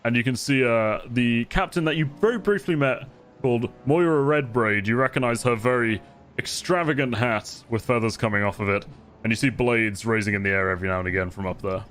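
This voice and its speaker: A man's voice: medium pitch, brisk, a bit bright, faint music behind. A man running a tabletop game as game master, narrating the fight in vivid detail and laughing often.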